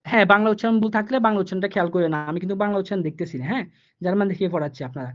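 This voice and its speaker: A man teaching German numbers in a live online class, explaining each step slowly, repeating himself and asking the students questions. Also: sits high. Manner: repetitive, patient, asks the students questions. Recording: dull lo-fi online class audio.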